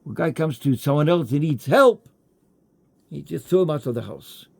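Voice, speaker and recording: A man giving a Torah lecture in English mixed with Hebrew and Yiddish terms, emphatic, rising high on rhetorical questions. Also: expressive, normal speed, gravelly.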